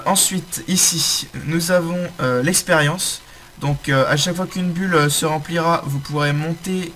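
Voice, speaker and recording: Bright-voiced man talking through a game tutorial. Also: fairly high pitch, slight background noise. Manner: hesitant, many fillers and self-corrections. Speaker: game guide host.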